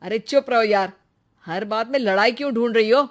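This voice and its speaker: A woman's voice: fairly high pitch, moderate pace, lightly acted. A woman voicing a practical but short-tempered young husband in a cartoon story, with a blunt, exasperated manner. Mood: angry. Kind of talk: Hindi cartoon story dialogue.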